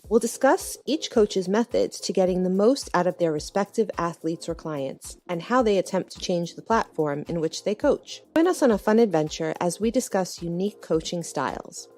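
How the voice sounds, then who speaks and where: Mellow female podcast intro announcer. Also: medium pitch. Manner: upbeat, polished delivery. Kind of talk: scripted intro narration. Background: music.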